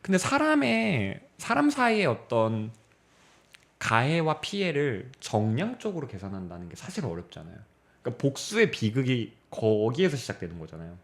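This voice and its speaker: A young man co-hosting a podcast, talking through ideas on literature in a thoughtful, measured way with pauses. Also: medium pitch, big pitch swings. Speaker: podcast co-host. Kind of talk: casual discussion of literature.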